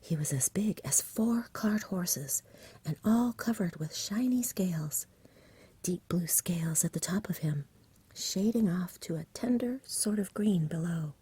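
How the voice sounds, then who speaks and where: Breathy, fretful country shepherd acted by a woman. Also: lowish voice, lively intonation, unhurried, warm tone, exaggerated voice. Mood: bewildered, fretful. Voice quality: breathy whisper. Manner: agitated, plain country dialect, rambling. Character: frightened rustic shepherd father, fretful countryman.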